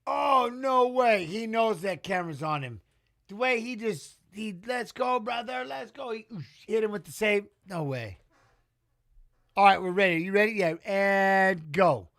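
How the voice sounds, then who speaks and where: A middle-aged man hosting a live fight watch-along, chatty and excitable, talking to the viewers as he calls the action. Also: high voice, unhurried. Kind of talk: casual live fight commentary.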